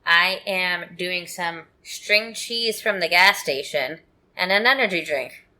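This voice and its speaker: A woman's voice: on the low side, takes it slowly, pushed and bright. A woman co-hosting a casual podcast chat, sleepy and yawning, with playful teasing banter. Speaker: podcast co-host.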